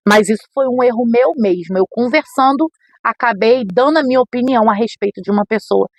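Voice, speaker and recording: A woman's voice: on the high side, brisk, dry recording. Brazilian woman telling a dramatic testimony. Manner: animated storytelling, acts out quoted voices. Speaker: podcast guest, missionary preacher. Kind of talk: emotional personal testimony.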